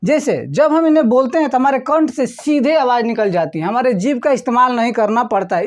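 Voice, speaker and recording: A man teaching a grammar lesson online who repeats phrases word by word and keeps checking in with the listener. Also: very high-pitched.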